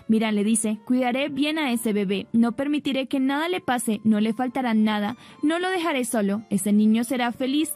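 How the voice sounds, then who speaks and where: A woman's voice: fairly high pitch, darkish tone. A woman narrating a soap opera recap, retelling each scene and quoting the characters in her own plain voice. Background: faint background music.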